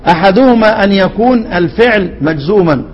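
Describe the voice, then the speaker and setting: A man with an Egyptian accent teaching a lesson on Quran readings, quizzing his students with rhetorical questions and slowly repeating words. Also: high-pitched, animated, in a large hall, lo-fi sound. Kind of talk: lesson explaining a classical poem on Quran readings.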